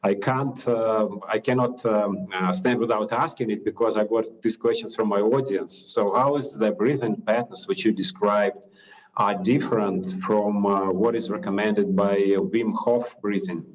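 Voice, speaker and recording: Low-voiced, halting male interviewer. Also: fairly even intonation, poor audio. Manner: halting, hesitant, many fillers. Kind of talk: interview questions.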